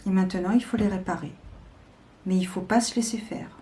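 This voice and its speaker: A woman giving a slow, deliberate weekly tarot guidance, with frequent pauses and hesitations. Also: mid-range voice, steady tone, warm tone. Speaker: tarot reader.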